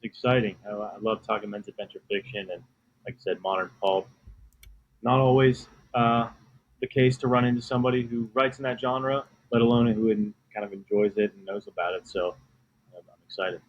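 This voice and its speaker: A man's voice: on the low side, fairly even intonation, brisk, highs cut off. A man in his late twenties, an author guest on a podcast, telling his story in an eager, conversational way. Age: 20s. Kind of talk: casual podcast interview.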